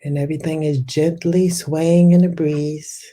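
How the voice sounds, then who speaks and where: This guided visualization is led by a meditation guide with a mid-range voice and level tone, who speaks softly and soothingly at a relaxed pace, lingering on descriptive words.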